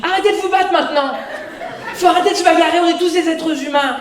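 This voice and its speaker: A man voicing a naive, soft-hearted pacifist who pleads in a high, squeaky voice. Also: fast talker, reverberant, distant mic, a faint crowd. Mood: pleading.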